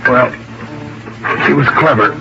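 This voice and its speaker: A man's voice: medium pitch, slow, gravelly, loud music behind the voice. An actor playing a hard-boiled male investigator in an old-time radio drama, narrating in terse, clipped first person. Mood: tense. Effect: old-time radio broadcast. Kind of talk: 1950s radio drama acting. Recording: muffled vintage radio broadcast with hiss.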